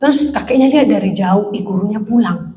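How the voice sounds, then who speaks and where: A woman's voice: medium pitch, a little fast. A woman pastor preaching a sermon in a church, joking and acting out voices in her stories. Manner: lively, joking, acts out quoted speech. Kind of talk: sermon with anecdotes. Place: church hall. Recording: echoey church hall.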